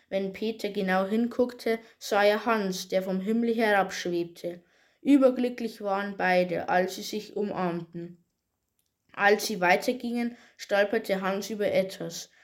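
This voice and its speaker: Eine Frau liest ein Märchen vor. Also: female voice, mid-range voice. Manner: plain, steady reading with small slips. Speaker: storyteller. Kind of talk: reading a fairy tale aloud.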